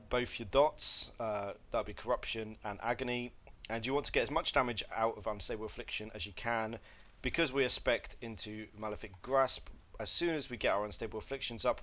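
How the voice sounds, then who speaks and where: Man, lowish voice, casual game tutorial, rambling, self-correcting, slightly coughy, desk mic. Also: a little fast, a bit bright. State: coughing, slight throat irritation. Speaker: game guide presenter.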